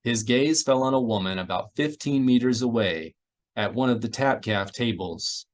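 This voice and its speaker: Here a man narrates a sci-fi novel for an audiobook, working from a script and giving the characters their own voices. He speaks at a medium pitch and a moderate pace.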